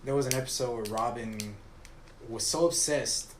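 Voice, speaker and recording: A man's voice: mid-range voice, moderate pace. A man co-hosting a podcast in casual chat, rambling and swearing in easygoing slang. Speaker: podcast co-host. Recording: echoey room with clear background noise.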